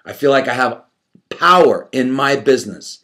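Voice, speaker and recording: This motivational coach addresses his audience conversationally, with a medium-pitched, slightly bright voice, lively intonation and a moderate pace. Emphatic repetition, rhetorical questions and acted-out self-talk run through his talk.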